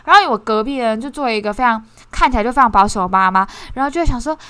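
A young woman talks casually and animatedly, often restarting her sentences and poking fun at herself. Her voice is bright and ringing and sits a little high. The sound is dry and close, with almost no room around it. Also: racing, clean tone, no echo. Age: 20s. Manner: animated, self-mocking, frequent restarts and bursts of laughter. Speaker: course participant sharing reflections. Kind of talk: casual spoken sharing.

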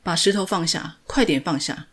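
A man's voice: fairly high pitch, moderate pace, a bit bright. A woman voicing a stern male police officer giving firm orders in a retold drama. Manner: curt orders.

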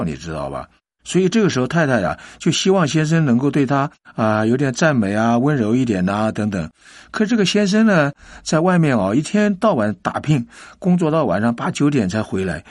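A man telling a moral story in a lively, chatty way, with many rhetorical questions to the listener. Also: mid-range voice, no echo, studio quality. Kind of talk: radio storytelling.

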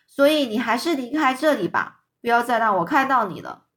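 A woman's voice: a little high, lively intonation, fairly quick, fairly bright tone. A woman voicing a vain, cruel boy of about ten who speaks with scorn, in a children's storybook reading. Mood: scornful. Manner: scornful, contemptuous.

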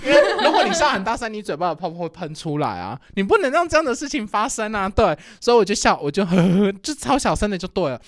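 A young man co-hosting a casual chat show, telling stories in an animated way with loud laughs. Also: high voice, fast talker, hardly any pauses, no room sound, studio quality. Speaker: podcast co-host.

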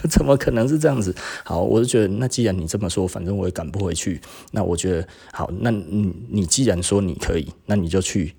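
A man's voice: sits low, breathy edge. A man with a Taiwanese Mandarin accent, hosting a podcast and telling a story casually, often laughing and acting out the dialogue. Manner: animated, laughs often, acts out quoted dialogue. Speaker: podcast host.

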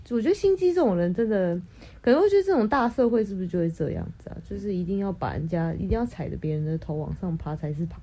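Lively, fast-talking woman. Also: mid-range voice, slight background noise. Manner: animated and teasing, quick to chime in. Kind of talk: casual chat.

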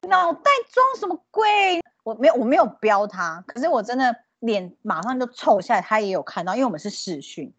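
Thirties Taiwanese woman co-host, husky voice, very expressive pitch, indignant storyteller. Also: fast, hardly any pauses, no room sound, highs cut off. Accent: Taiwanese Mandarin. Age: 30s. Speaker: podcast co-host. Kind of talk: casual chat.

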